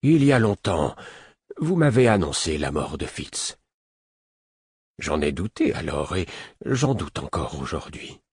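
A man's voice: extremely low pitch, big pitch swings, a little slow, pauses often, breathy edge, no room sound, studio quality, heavily acted. A man reading the part of an old man speaking in a strained, choked voice. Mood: urgent doubting. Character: old man, close friend, choked with emotion.

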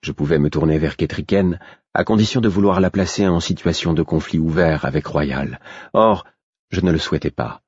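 A man reading a first-person story aloud in measured audiobook narration. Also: extremely low pitch, a little mellow, breathy edge, no echo, lo-fi sound.

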